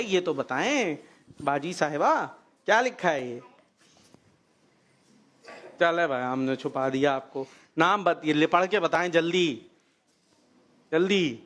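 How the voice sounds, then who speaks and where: A man runs a children's quiz. He talks briskly, hurries the kids along and calls out when an answer is right. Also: high voice, fairly bright tone, slight background noise. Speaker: host of a children's program. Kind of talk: lively quiz hosting with children.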